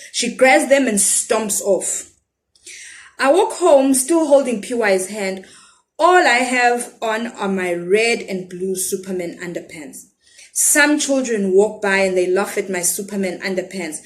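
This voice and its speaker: Woman storyteller, children's story reading, expressive, talks to the young listeners. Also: mid-range voice. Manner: expressive, asks listeners questions.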